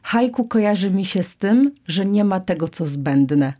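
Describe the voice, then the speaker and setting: A woman's voice: medium pitch, expressive, a little slow, dark tone, a little hiss or hum. A woman hosting a cultural radio interview, speaking thoughtfully and searching for her words. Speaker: radio host.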